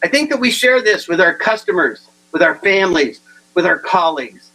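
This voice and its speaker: Man, high voice, comic keynote speaker, animated storyteller, chuckles often. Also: normal speed, faint music behind, low-quality recording. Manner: animated, acts out quotes, chuckles at his own stories. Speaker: humor speaker.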